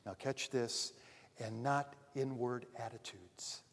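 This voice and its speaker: A man preaching a sermon as pastor, swinging between loud emphasis and hushed asides and calling his listeners dear friends. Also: medium pitch, slow pace, long reverb tail.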